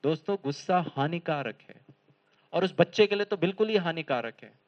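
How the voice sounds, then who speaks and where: Speaking in a high voice, this man delivers a motivational lecture in a hall as a spiritual teacher, lively and chatty, weaving in funny stories and firing quick questions at his listeners. Audio quality is somewhat dull and lo-fi.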